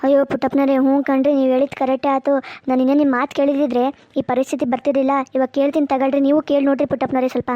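A woman's voice: high-pitched, little pitch movement, very fast, no room sound, lightly acted. A woman voicing an anxious young male coconut vendor, in a cartoon, pleading with his neighbor. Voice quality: pleading, repeats the farmer's name. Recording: dull, lo-fi, dry.

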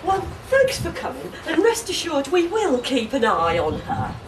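A woman's voice: high voice, wildly swooping pitch, a little slow, noisy background, heavily acted. An actress playing a protective, worried middle-aged carer in a film drama, motherly and exasperated. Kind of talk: film acting. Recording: slightly distant mic, loud music.

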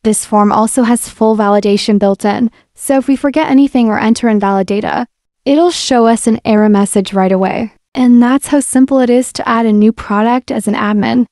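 Here a software demo presenter, a woman with a fairly high voice, talks fairly quickly while giving a relaxed, friendly, step-by-step explanation of an app. The casual screen-recorded walkthrough is narrated on a voice-over mic. The sound is studio quality, free of room sound.

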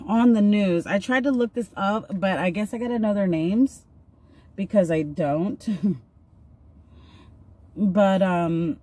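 Taking her time and pausing often, a woman in her thirties talks in a medium-pitched, dark-toned voice. She's a vlogger doing her makeup in a parked car, sharing a personal story earnestly and chattily, with plenty of filler. It's recorded on a phone camera at arm's length.

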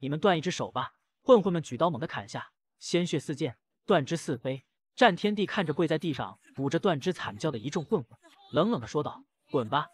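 Fast, husky male storyteller. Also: on the high side, lively intonation. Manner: rapid, punchy storytelling. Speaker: narrator. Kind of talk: dramatic comic recap narration.

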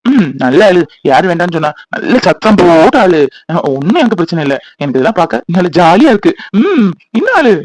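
A man's voice: fairly high pitch, lively intonation, fast, close to an everyday voice. A man voicing a playful young husband in a cartoon who teases and mocks his crying wife. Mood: teasing. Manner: mocking, teasing.

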